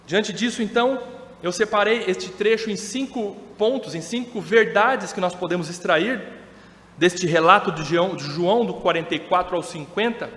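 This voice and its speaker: Brazilian preacher guy, kinda high voice, slow emphatic sermon, big churchy reverb. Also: fairly bright tone. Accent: Brazilian Portuguese. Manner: measured, emphatic preaching with slow drawn-out quotations. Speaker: pastor. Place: church hall. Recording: echoey church hall.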